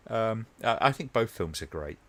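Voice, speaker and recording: During a laid-back watch-along stream, a deep-voiced male host talks loosely with his audience, calling out members of chat by name. His speech drifts between ideas, and pauses are padded with lots of ums and uhs.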